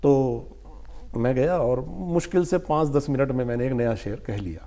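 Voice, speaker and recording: An older man being interviewed as a guest poet, telling stories at an unhurried pace and acting out what others said to him. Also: mid-range voice, dark tone. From India. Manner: unhurried anecdotes, acting out quoted speech. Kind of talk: storytelling interview.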